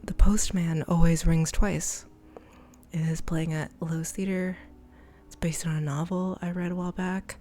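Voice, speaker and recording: A woman reads game letters aloud on a live stream. Her voice sits low and has a dark, mellow color, and she often drops into a hushed whisper as she reads. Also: level tone, a little slow. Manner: often drops into a soft whisper while reading.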